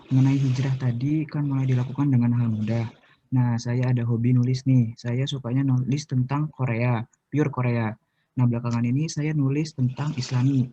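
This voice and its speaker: A man's voice: medium pitch, dark tone. A man moderating a religious talk, reading audience questions aloud evenly over a video call. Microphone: video call mic. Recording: dull lo-fi call audio, faint noise.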